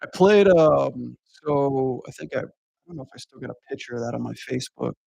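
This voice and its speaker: A man's voice: medium pitch, brisk, creaky, warm tone, slightly rough, no room sound, rough recording. A man talking in a loose, rambling way, swearing often and leaning on fillers like "like" and "you know.". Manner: rambling, profane, heavy use of filler words. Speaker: podcast guest recounting a haunted house job. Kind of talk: casual chat.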